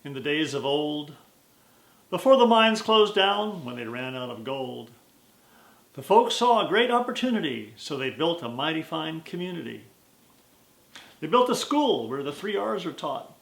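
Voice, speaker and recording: An American man telling a story in verse as a dramatic, deliberate and strongly emphatic recitation. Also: fairly high pitch, sing-song, vocal fry, fairly bright tone, roomy sound, low-quality recording. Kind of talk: dramatic recitation of a cowboy poem.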